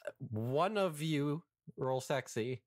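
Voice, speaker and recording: A game master calmly narrating a tabletop game and calling for rolls. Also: medium pitch, slow pace, dry recording, clean studio sound.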